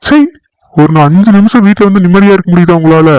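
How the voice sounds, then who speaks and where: A man's voice: high-pitched, fast, darkish tone, clean tone, highs cut off. A man playing a husband in a comedy skit, scolding his wife in a stern, weary way.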